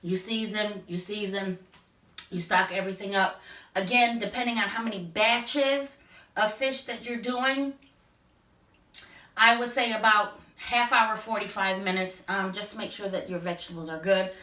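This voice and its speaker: Bright, chatty woman hosting a cooking vlog. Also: mid-range voice, fairly even intonation, moderate pace. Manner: chatty and enthusiastic, talks straight to viewers. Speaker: cooking show host. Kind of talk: casual cooking tutorial. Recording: echoey room, voice from a distance.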